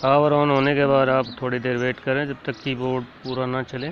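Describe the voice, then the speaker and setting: A man's voice: medium pitch, flat delivery, normal speed. Man giving a plain keyboard tutorial. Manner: plain, instructive, talks while demonstrating. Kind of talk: casual step-by-step tutorial. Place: indoors at a computer and keyboard. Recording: dull lo-fi sound with faint noise.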